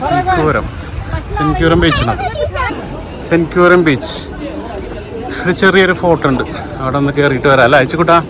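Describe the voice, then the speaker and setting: A man's voice: fairly high pitch, fairly quick, pauses often. A man guiding companions in a casual outdoor vlog, mixing English words into Malayalam and often checking with questions. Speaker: vlog guide. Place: outdoors at a seaside fort. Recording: noisy outdoor audio, vehicles, chatter.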